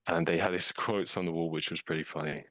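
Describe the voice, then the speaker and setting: Speaking fast with fairly even intonation, this low-pitched British man has a fairly bright tone on a dry recording. He investigates scams and is loosely walking viewers through a case with slides in a video-call webinar, using informal fillers like "um" and "like".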